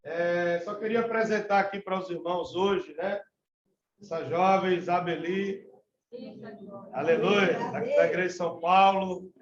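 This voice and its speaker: High-voiced man leading a church gathering. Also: fairly even intonation, measured pace. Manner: affirming, responds with frequent amens. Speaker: leader presenting members. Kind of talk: religious live broadcast hosting. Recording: echoey, distant, dull-sounding recording with a crowd.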